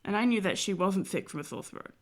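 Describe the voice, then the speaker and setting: Stuffy and nasal from a cold, a young woman streamer talks animatedly and fairly quickly in a medium pitch. She rambles with lots of fillers in casual chat as she draws.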